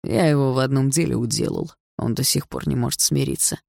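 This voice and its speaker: A woman voicing a blunt, dismissive young man who speaks in a slow drawl. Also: rumbling low, fairly even intonation, gravelly, a little mellow, no echo, clean studio sound, heavily acted. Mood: weary curt.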